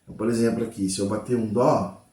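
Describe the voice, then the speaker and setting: A man's voice: lowish voice, fairly even intonation, fast, roomy sound. A man giving a casual guitar lesson. He names the notes aloud as he plays and keeps checking in with the viewer. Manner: explains patiently, constant "tá?" and "né?" check-ins. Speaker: guitar teacher. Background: guitar playing.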